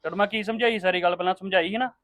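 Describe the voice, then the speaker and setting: A man's voice: high voice, steady tone, very fast, a bit bright. A man acting a husband in a family drama, sternly lecturing his mother-in-law. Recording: tinny phone-like sound.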